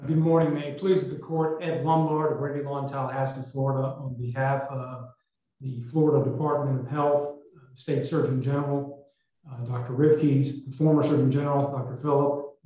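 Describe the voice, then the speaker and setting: Attorney, male, formal courtroom delivery, booming well-like echo over a dull, muffled line. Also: mellow. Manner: formal, measured courtroom address. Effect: hollow echo, as if speaking inside a well. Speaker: attorney arguing for the state. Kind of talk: appellate oral argument. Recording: echoey, dull remote audio line.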